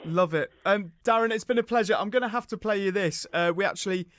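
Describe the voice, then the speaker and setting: A man's voice: high-pitched, fast talker, background noise. A man hosting a casual radio quiz, chatty and self-deprecating, often hesitating as he goes. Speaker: radio host.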